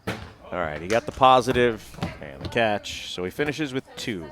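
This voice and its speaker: A man's voice: on the low side, sing-song, normal speed. An American man giving live play-by-play sports commentary. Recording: noisy outdoor event ambience.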